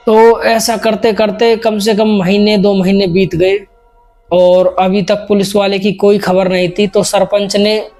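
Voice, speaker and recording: A man with a high voice tells a horror tale in a loose, conversational way, stopping to restart phrases and acting out what the characters say. Soft music plays faintly behind him. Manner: unscripted retelling with restarts and quoted dialogue. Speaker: horror storyteller. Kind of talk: casual spoken storytelling.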